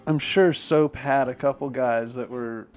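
A man's voice: medium pitch, fairly even intonation, a little slow, soft background music. A man co-hosting a podcast, chatting casually and rambling, with plenty of "like" and swearing. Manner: rambling, loose, with lots of "like" and swearing. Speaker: podcast co-host. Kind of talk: casual chat.

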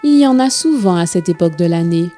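A woman voicing a female neighbor in a storybook, calm and matter-of-fact. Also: lowish voice, quick pace, faint music behind, close to an everyday voice. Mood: reassuring.

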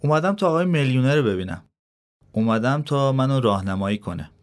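A man voicing an eager, unsure young employee in a spoken story, speaking quickly and a bit pleadingly. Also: medium pitch, expressive, pitched above the performer's own voice, natural voice. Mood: insistent.

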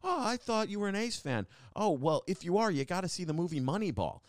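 A man's voice: fairly low pitch, big pitch swings, fairly quick, no room sound, studio quality. A man voicing an eager, overly friendly male stranger on the subway with big energy.

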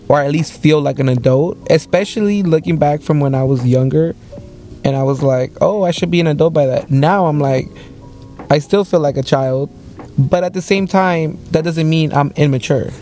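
A man's voice: fairly high pitch, moderate pace, warm tone, faint music behind. A man in his mid-twenties in a casual podcast chat, rambling with lots of filler words. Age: 20s.

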